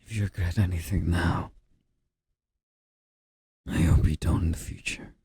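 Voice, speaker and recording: Husky low man, soft-spoken boyfriend role-play. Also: steady tone, dry recording. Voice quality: husky, gravelly. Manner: soft, breathy, intimate murmur drifting into soft voice; slow, gently reassuring boyfriend-style comforting. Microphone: close microphone.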